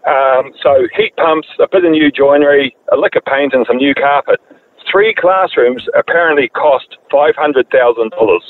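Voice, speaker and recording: New Zealand caller on a tinny phone line. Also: male voice, medium pitch, normal speed, a little hiss or hum. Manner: matter-of-fact, complaining about costs. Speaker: radio caller.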